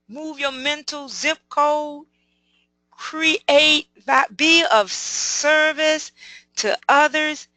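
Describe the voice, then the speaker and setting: High, bright-voiced woman motivational speaker. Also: no room sound. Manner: emphatic, asks the audience many rhetorical questions. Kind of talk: live motivational talk to an audience.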